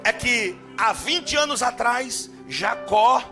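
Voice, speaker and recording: A fervent male preacher with a high, ringing voice tells a story from the pulpit and drives it toward shouted calls to the congregation. Soft music plays faintly behind him in the church. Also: slow pace. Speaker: guest preacher. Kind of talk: storytelling sermon. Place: church service.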